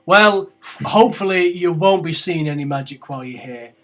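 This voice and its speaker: A man voicing a gruff male city gate guard who is polite but suspicious as he questions travellers. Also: a little high, expressive, moderate pace, a bit bright. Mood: mocking.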